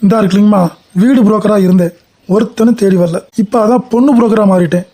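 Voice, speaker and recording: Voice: medium pitch, fast, dark tone, lightly acted. A voice actor playing a hapless middle-aged male marriage broker in a cartoon comedy, grumbling and wisecracking.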